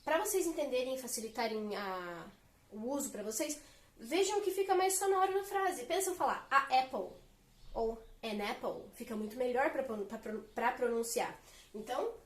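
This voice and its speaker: A woman's voice: on the high side, roomy sound. A woman teaching an English grammar lesson at a whiteboard, explaining patiently and asking the class rhetorical questions. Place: room with a whiteboard.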